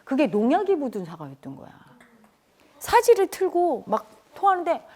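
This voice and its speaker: At a spiritual community gathering, a middle-aged woman with a warm, high-pitched voice recounts a hurtful episode from her childhood at a moderate pace. Her pitch swings enormously, and her earnest telling grows tearful, breaking into cries as the events come back to her.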